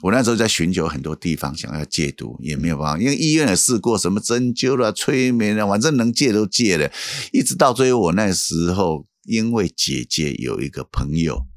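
A man with a Taiwanese Mandarin accent, a pastor telling his life story in an interview, halting and repeating words, often asking "you know?". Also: deep voice, lively intonation, dry recording, studio quality. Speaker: pastor guest recounting his past. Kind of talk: emotional testimony in casual interview.

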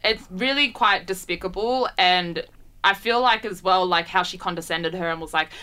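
A woman co-hosting a podcast, talking in an animated, playful way and laughing often. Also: on the low side, normal speed, smooth. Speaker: podcast co-host. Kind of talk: casual chat.

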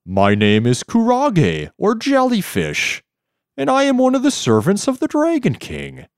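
Man reading as an obsequious high-voiced jellyfish flatterer, storybook read-aloud. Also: unhurried, no room sound, studio quality, exaggerated voice. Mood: flattering. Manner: high, sweet-talking voice. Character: eager, flattering male jellyfish servant.

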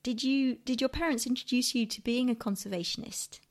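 Speaking slightly fast in a voice on the high side, a podcast host opens with a steady reading of a prepared introduction. Afterward she chats with her guest, encouraging them with brief replies and fillers.

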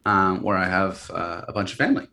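This man's voice is low and fairly quick. He's in his early thirties, founded a company, and comes from California and Hawaii, chatting loosely in an interview with plenty of fillers, false starts and hesitation.

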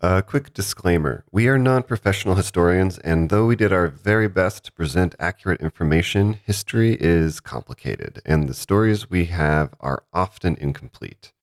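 Deep-voiced American man co-hosting. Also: moderate pace, few pauses. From United States. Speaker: podcast co-host. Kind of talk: casual podcast chat.

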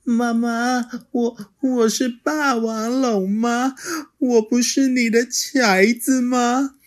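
A woman voicing a young male dinosaur child who is scared and stubborn, in a high, pleading, childish voice for a storybook reading. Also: steady tone, slow. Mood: tearful.

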